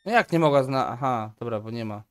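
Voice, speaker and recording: A man's voice: mid-range voice, lively intonation, fairly quick, smooth. A man giving casual, playful commentary while playing a game, bantering in a mock-polite shopkeeper tone. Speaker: gaming YouTuber. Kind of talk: casual let's play commentary.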